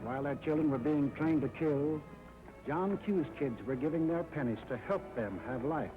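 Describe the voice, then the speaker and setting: An American narrator of a 1940s wartime propaganda film speaks at normal speed in a voice on the high side, with a dramatic, emphatic, rhetorical delivery. The old film soundtrack is muffled and carries music.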